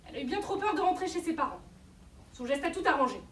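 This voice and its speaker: A merciless, pious spinster on stage, very high and piercing. She declaims every judgement with hammy theatrical grandeur, heard from afar in an echoing hall. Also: big pitch swings, fast, a bit bright. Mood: cold, sanctimonious. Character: pious, self-righteous, merciless spinster preaching sin and punishment. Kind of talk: theatrical stage play acting. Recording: echoey hall from far off, faint noise.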